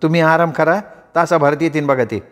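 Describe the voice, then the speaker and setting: A man voicing a warm, hospitable young farmer's wife who talks in rustic village speech. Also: low voice, fairly quick, in a large hall, pitched above the performer's own voice, natural voice. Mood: respectful.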